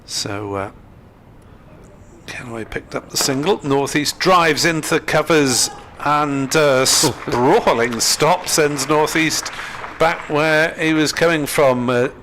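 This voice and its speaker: A man's voice: fairly high pitch, slow, fairly bright tone, slight background noise. Male cricket commentator over ground ambience. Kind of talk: live cricket radio-style commentary.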